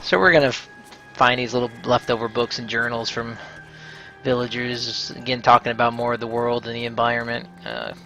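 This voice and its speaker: A man's voice: medium pitch, little pitch movement, fairly quick, bright, forceful tone, rough recording. A man chatting and joking with viewers as he plays a video game. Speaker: let's play host. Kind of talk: casual gameplay commentary. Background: game music.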